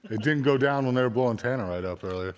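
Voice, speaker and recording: A man's voice: medium pitch, quick pace. A man talking casually as an outdoor adventure vlogger. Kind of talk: casual vlog talk. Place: abandoned concrete missile site. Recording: long hall reverb, faint noise.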